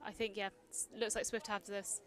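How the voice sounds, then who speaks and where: A woman's voice: mid-range voice, level tone, moderate pace, fairly bright tone, faint music behind. A woman from Wales, a former player, giving live color commentary on a lacrosse game with chatty analysis and fillers.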